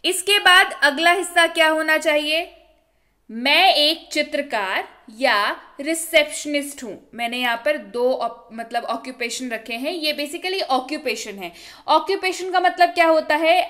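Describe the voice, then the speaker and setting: In this online video lesson, a young woman from India covers spoken English while slides play. Her voice is high and bright; she slowly repeats each example and supplies answers to her own questions.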